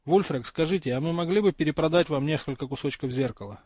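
A man voicing a thoughtful teenage wizard boy in an audiobook, inquisitive and measured. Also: a little high, a little mellow, no echo, studio quality, lightly acted.

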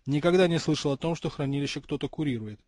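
A man voicing a thoughtful teenage wizard boy in an audiobook, inquisitive and measured. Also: a little high, a little mellow, no echo, lightly acted.

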